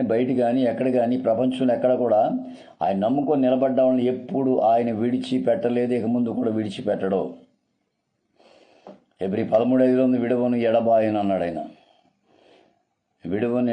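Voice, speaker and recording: A man preaching a devotional morning sermon as a pastor, earnest and pleading, repeating his phrases. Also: fairly low pitch. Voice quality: dark, mellow voice.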